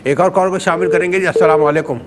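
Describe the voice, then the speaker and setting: A man's voice: a little high, fairly even intonation. A man hosting a live call-in TV show, politely greeting callers and repeating their words back to them.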